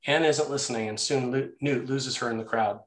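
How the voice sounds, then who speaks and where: In an echoey, roomy recording, a man with a mid-range, fairly bright voice narrates a script's action and scene headings. His scripted delivery runs a little fast.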